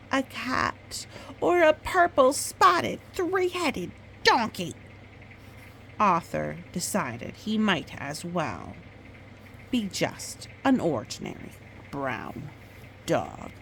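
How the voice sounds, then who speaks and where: A gravelly, lowish female voice reads a children's story aloud, with some slight background noise. Expressive throughout, she pauses for chatty comments about the pictures.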